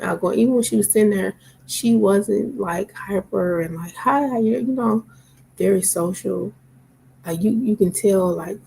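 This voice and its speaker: A woman's voice: lowish voice, gravelly, warm tone, a little hiss or hum, low-quality recording. A tired, sleepy woman talking casually to camera, rambling with lots of fillers. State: sleepy, yawning.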